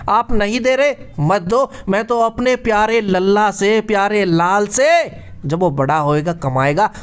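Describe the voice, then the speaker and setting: Nagging young wife, put on by a male teacher; insistent, high singsong, comic. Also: measured pace, smooth.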